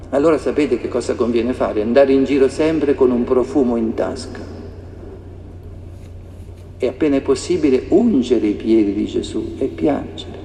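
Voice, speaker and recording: A man preaches an impassioned sermon, asking rhetorical questions again and again. His warm voice sits on the high side, and the recording carries echoey hall reverb, faint ambience and a little hiss or hum.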